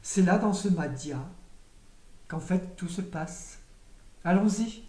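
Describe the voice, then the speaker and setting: A woman giving a spiritual teaching in a calm, measured, meditative way, with occasional hesitations. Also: lowish voice. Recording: roomy echo, voice from a distance.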